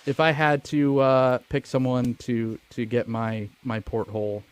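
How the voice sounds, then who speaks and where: With a clean tone, a flat delivery, and a slightly slow pace, a mid-range male podcast host talks movies in a casual chat. He's jokey, profane, and quick to mock himself.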